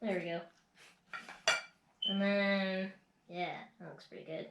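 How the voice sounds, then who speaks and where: A woman in casual chat while eating, relaxed and muttering as she cuts her food. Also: mid-range voice, slow pace, muffled recording. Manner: relaxed, talks with mouth full, muttering while cutting. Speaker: co-host of a mukbang channel. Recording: roomy kitchen, faint noise.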